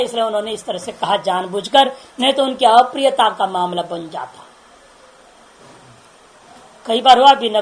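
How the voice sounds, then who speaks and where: A woman's voice: fairly high pitch, low-quality recording. A woman spiritual teacher giving an informal religious discourse, chatty and laughing, often checking with listeners through rhetorical questions.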